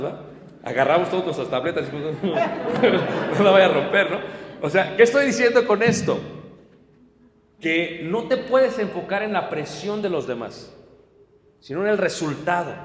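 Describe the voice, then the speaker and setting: A man's voice: high-pitched, echoey room, in a large hall. A man preaching a sermon to his congregation, telling personal stories and speaking to them directly. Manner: storytelling, addresses congregation directly. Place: church hall.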